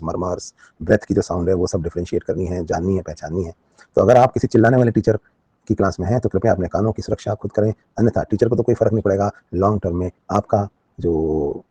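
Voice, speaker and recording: Fast-talking male teacher, husky and dark. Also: lowish voice, dry recording. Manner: explains with everyday examples and frequent check-in questions. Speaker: biology teacher. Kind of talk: live online class lecture.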